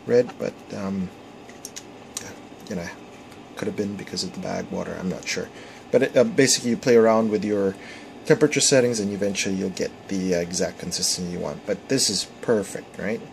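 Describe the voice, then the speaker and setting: A man's voice: fairly low pitch, vocal fry, rough recording. A man casually narrating a home cooking demo at the stove, hesitant with many ums and restarts, filmed on a phone. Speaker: home cook demonstrating. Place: home kitchen, searing at the stove. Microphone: phone camera. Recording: phone video with sizzling pan noise. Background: frying sizzle.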